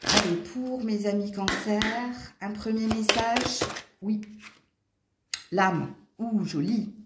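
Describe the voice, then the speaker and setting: A woman with a Franche-Comté French accent gives viewers a casual tarot and astrology reading from home near a window. She speaks slowly at a medium pitch, chatty and full of little exclamations and "hein" tags. The room echoes, and there's background noise.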